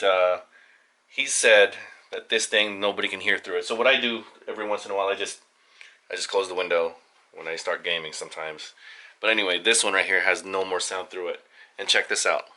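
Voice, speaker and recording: A father hosting a family video channel, casually showing off his home studio in a halting, rambling way with lots of fillers and restarts. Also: deep voice, sharp tone. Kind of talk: casual studio tour vlog.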